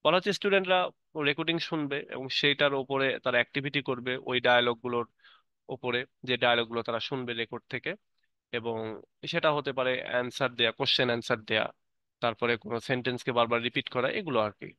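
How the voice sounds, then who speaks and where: A male teacher gives an online lecture, his voice clear and resonant. He reads English passages slowly, then explains them in a relaxed, filler-laden way. The sound is close and dry. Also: medium pitch, no echo, lo-fi sound. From Bangladesh.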